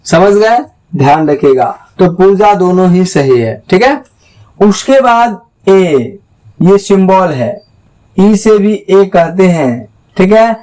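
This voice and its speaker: A man's voice: high-pitched, animated, mellow, rough recording. A young man teaching a lesson on letter sounds, spelling words out letter by letter and often checking whether his students follow. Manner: slow, spells words out letter by letter and keeps asking "clear?". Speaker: English teacher.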